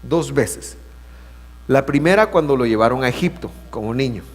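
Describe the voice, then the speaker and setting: A man preaching in a lively, rising-and-falling voice, swinging from hushed asides to loud emphasis. His sermon rings with a long reverb through a church hall. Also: mid-range voice, normal speed. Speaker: pastor.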